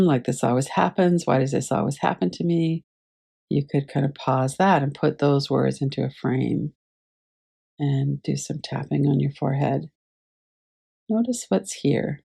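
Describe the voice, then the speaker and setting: A woman teaching a class over a video call, gently guiding listeners through a visualization with unhurried pauses. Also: very deep voice, creaky, breathy edge. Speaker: meditation teacher.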